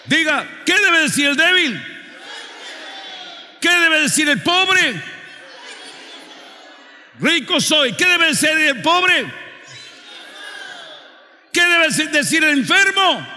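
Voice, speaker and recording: Fervent preacher man, bright and booming. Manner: builds to shouted call-and-response, then drops low and earnest. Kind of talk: sermon. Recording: long hall reverb with faint music.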